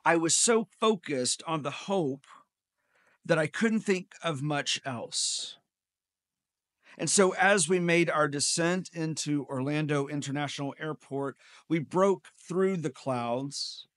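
A middle-aged male pastor delivers a sermon from a church pulpit, speaking into a gooseneck microphone. His voice sits a little high and moves at an unhurried, deliberate pace, with a dry, close sound. He tells personal stories with a gentle, wry humor. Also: no room sound. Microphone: pulpit gooseneck mic.

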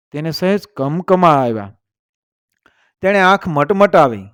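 A man narrating a village story in a steady, literary reading voice, reading the quoted lines as part of the telling. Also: a little high, no echo, clean studio sound.

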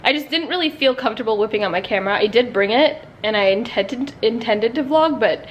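A woman's voice: fairly high pitch, lively intonation, fairly quick, highs cut off, slight background noise. A young woman in her twenties talking casually to a handheld camera, chatty and upbeat, filling her speech with "like". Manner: chatty, upbeat, says "like" a lot. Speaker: lifestyle vlogger. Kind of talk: casual vlog chat to camera. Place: home and a large warehouse showroom, indoors. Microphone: handheld camera at arm's length.

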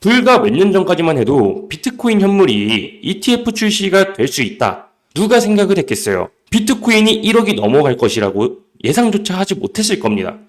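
A man's voice: sits high, sing-song, brisk, hardly any pauses. A man presenting scripted crypto market commentary, emphatic and full of rhetorical questions.

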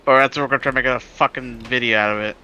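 A man's voice: medium pitch, steady tone, very fast, highs cut off, background noise. A young man in casual, crude banter with friends while playing a game online. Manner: loose, crude joking banter. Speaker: gaming group member. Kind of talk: casual gaming chat.

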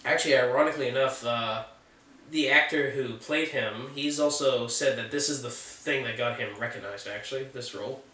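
A chatty man reviews a film in an opinionated, joking way. His voice sits at a middle pitch and picks up a roomy echo. He sounds some distance from the mic. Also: brisk, bright, forceful tone. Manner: chatty and opinionated, with offhand jokes. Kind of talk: casual film review chat.

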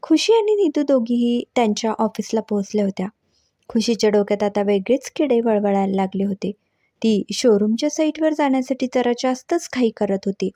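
A woman host reading a story aloud as scripted narration, in an expressive, steady manner. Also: a little high, brisk, no echo, studio quality.

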